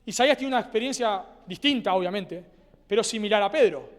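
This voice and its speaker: High-voiced Argentine pastor preaching in a reverberant church. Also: male voice. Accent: Argentine Spanish. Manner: earnest, animated preaching with dramatic pauses and trailing quiet endings. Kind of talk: sermon. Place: church sanctuary. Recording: church hall with long reverb.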